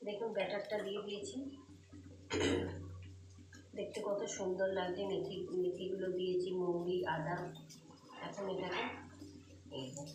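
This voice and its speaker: A woman speaking softly and quietly as she demonstrates cooking at home. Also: lowish voice, moderate pace, pauses often. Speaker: home cook. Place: home kitchen. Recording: echoey room, mic far off, loud kitchen clatter.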